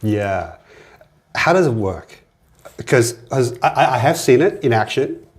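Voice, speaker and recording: A man's voice: medium pitch, lively intonation, measured pace. A man hosting a casual interview podcast, often repeating words and restarting his sentences.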